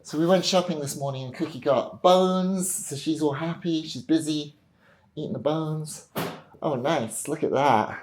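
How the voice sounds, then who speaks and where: A woman's voice: low-pitched, unhurried, a little mellow. A woman, an independent film director, chatting upbeat and directly to her viewers in a casual behind-the-scenes vlog.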